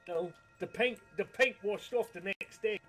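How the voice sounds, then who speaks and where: A man's voice: high voice, unhurried, a bit bright, faint music behind. A man playing an indignant, haggling sailor customer in an improvised role-play game. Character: grumbling dissatisfied male customer sailor demanding money back.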